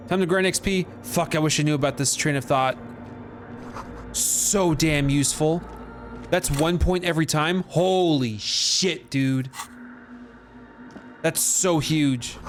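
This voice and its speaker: A man's voice: a little high, fairly bright tone, slight background noise. A man streaming a game, chatting casually and swearing freely. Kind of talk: casual gameplay commentary.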